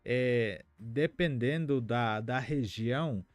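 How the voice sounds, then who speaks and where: A man's voice: medium pitch, slow pace, no echo, soft background music. A man from Paraguay, whose first language is Spanish, teaching a Guarani lesson on a live stream in a chatty way, reading out viewer comments and thinking aloud with many fillers.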